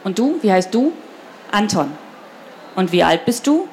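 A woman's voice: mid-range voice, very animated, measured pace, a little mellow, a little hiss or hum. Storybook girl nearly twelve, grumpy, bossy, blunt and scornful, read by a woman.

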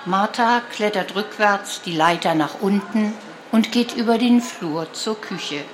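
A woman reading a children's book aloud, telling the story in a calm, clear way. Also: mid-range voice, measured pace, slight background noise. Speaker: reader.

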